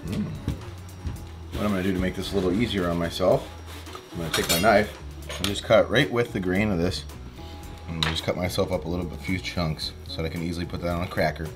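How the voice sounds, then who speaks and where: A young man rattles through a casual cooking vlog at a quick clip, his voice a touch low, chatty and rambling with frequent restarts. He is recorded on a close camera mic in a kitchen, with faint music underneath. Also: steady tone. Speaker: fishing vlogger. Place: houseboat kitchen.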